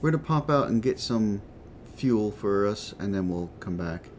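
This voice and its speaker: A man's voice: on the low side, expressive, normal speed, a little mellow, a little hiss or hum. A man doing casual let's play commentary, thinking aloud, with a whistling s from a chipped tooth. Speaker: gaming host.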